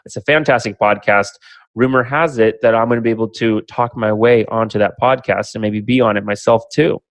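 A man's voice: lowish voice, fairly even intonation, a little fast, no echo. A man hosting an online summit, talking conversationally and emphatically, explaining things in simple steps with rhetorical questions. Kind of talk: conversational interview introduction.

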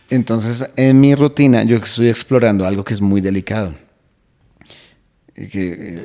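A man's voice: on the low side, warm tone. Man, comedian guest, reflective and earnest in casual chat. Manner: earnest, reflective, explains at length. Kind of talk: casual podcast conversation.

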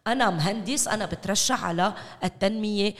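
A woman with a Lebanese Arabic accent talks quickly in an interview discussion. She stresses her points by repeating words. The recording carries the long reverb of a hall. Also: medium pitch. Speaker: interview guest, local development expert. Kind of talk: animated discussion.

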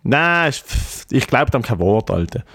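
A man's voice: medium pitch, big pitch swings, measured pace, fairly bright tone. Man, Swiss German accent, podcast co-host, rambling anecdotes, heavy swearing, ill and worn out. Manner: rambling storyteller, swears a lot, keeps saying "Alter". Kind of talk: casual comedic chat.

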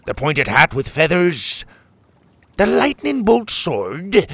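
A man voicing a boastful male pelican pirate captain with swaggering pirate talk and drawn-out words. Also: a little high, wildly swooping pitch, creaky, fairly bright tone, slightly rough, dry recording, pitched above the performer's own voice, exaggerated voice.

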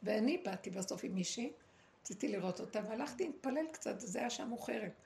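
A woman giving a dramatic, preachy spiritual talk to a group, with pointed pauses. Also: a little high, expressive, gravelly, a little mellow. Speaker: spiritual teacher. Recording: echoey room, faint noise.

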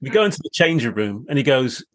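A man hosting an interview, telling lively anecdotes and mimicking voices. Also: mid-range voice, fast. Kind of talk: casual chat.

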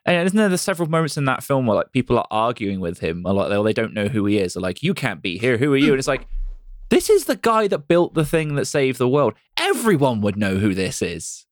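Male host, expressive swooping delivery, close and dry sound, keeps asking the panel. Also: mid-range voice, fairly quick, no room sound. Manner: lively, many "like" fillers, asks the others questions. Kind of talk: casual chat.

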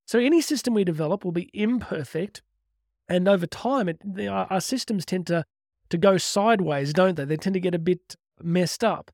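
Earnest and emphatic, this faith-focused motivational speaker stretches important words and throws out rhetorical questions as he blends encouragement with religious teaching. He has a high-pitched, darkish voice and talks at a normal pace. It's a dry, studio-quality recording.

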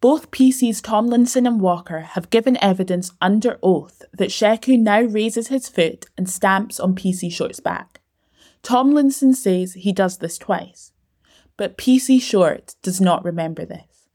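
A woman giving scripted documentary narration in a measured, even way. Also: medium pitch.

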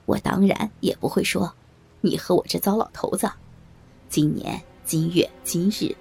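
A leering old man speaks low and slow in a husky, gravelly voice, gloating and chuckling to himself, played by a woman narrator. He sounds sly and smug throughout this dramatized audio story. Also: a little mellow, faint music behind, full character voice.

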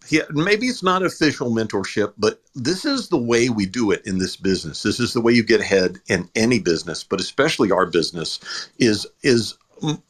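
A man co-hosting a chat show about radio, an enthusiastic and animated storyteller. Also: lowish voice. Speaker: co-host.

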